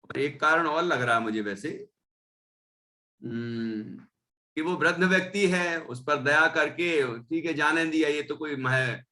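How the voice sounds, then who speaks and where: A man's voice: on the high side, measured pace, bright, forceful tone. A man teaching a Jain scripture class, reading a verse and then explaining it, often adding "है ना?". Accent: Indian Hindi. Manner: reads a verse, then explains with tag questions.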